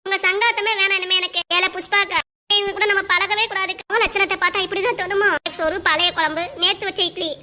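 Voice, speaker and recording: A woman's voice: very high voice, steady tone, quick pace, bright, forceful tone, a little hiss or hum, exaggerated voice. A woman voicing a talkative young village woman in a cartoon, bantering in a southern Tamil Nadu accent with a playful, dramatic manner. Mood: teasing. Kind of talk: cartoon voice acting.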